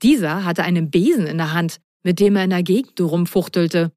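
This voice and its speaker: A woman's voice: on the low side, normal speed, dark tone, no room sound. A woman reading a children's story. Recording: dry close voice, faint music.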